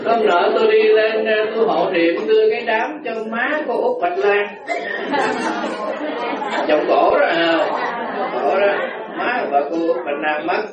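A man, a Buddhist monk giving a dharma talk, telling folksy anecdotes and acting out voices with laughter. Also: sits high. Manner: folksy storytelling, acts out voices, frequent laughter. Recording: echoey, distant, muffled hall recording.

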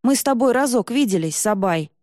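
A woman's voice: fairly high pitch, lively intonation, a little fast, dark tone, dry recording, clean studio sound, pitched above the performer's own voice, lightly acted. A woman voicing a cocky young man who talks in slang and mocks others. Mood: slangy mocking. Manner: slangy, mocking.

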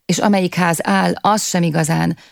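A woman's voice: fairly low pitch, steady tone, creaky, no echo. A woman voicing a wistful young storyteller. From half Turkish, half Kurdish (figure). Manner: wistful storytelling, addressing listeners. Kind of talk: audiobook reading.

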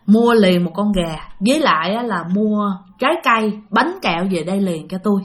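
A calm old exorcist man, as a woman narrator puts him on, gentle and soothing, coaxing a spirit to leave. Her own voice, only lightly shaped. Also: medium pitch, moderate pace, lightly acted. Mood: urgent. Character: calm elderly male exorcist shaman.

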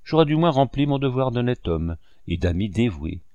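A man's voice: mid-range voice, sing-song, normal speed, warm tone, dry recording, muffled recording, pitched above the performer's own voice, lightly acted. A man voicing a bold young male sculptor who speaks bluntly and defiantly.

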